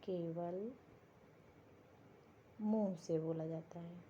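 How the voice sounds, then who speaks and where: A woman's voice: on the low side, steady tone, extremely slow, muffled recording, slight background noise. A woman teaching a grammar lesson for exam prep, explaining step by step and answering her own questions. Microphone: board lesson video, writing while talking.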